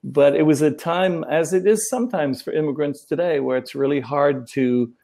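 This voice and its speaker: Middle-aged male interview guest from Wales, gravelly low-key voice, thoughtful and hesitant. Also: moderate pace, dark tone. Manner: thoughtful, many ums and restarts. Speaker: guest, relationship coach. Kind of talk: interview answers.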